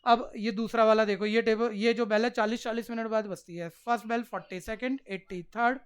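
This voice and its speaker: A man teaching maths to a class, coaxing the pupils along with quick direct questions. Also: high voice, steady tone, clear, resonant tone. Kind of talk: classroom lecture.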